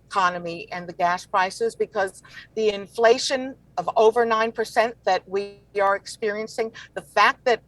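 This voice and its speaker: A woman born in Cuba, a political candidate answering interview questions in an earnest, measured way. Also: mid-range voice, no echo, poor audio.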